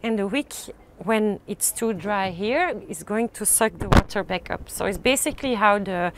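There's heavy background noise as a woman with a mid-range voice shows visitors around a rooftop garden. Miked with a lapel mic, she talks casually but haltingly, often saying "uh" and starting over.

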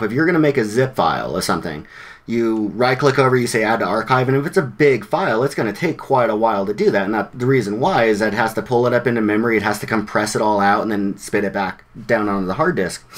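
A man presenting at a developer meetup in a relaxed, conversational way. His voice sits at an ordinary pitch for a man. He talks informally, with plenty of slang, fillers and quick restarts. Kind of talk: casual presentation.

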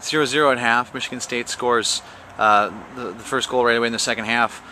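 A man interviewing a soccer coach after a game outdoors, asking halting questions with many restarts. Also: mid-range voice, fairly even intonation, sharp tone, a little hiss or hum.

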